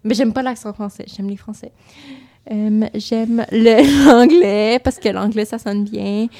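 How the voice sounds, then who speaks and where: A woman's voice: fairly high pitch, steady tone, unhurried, warm tone. A woman, a guest chatting loosely on a podcast, full of filler words and slipping into English. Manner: loose and rambling, heavy use of filler words, slips into English. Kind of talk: casual chat.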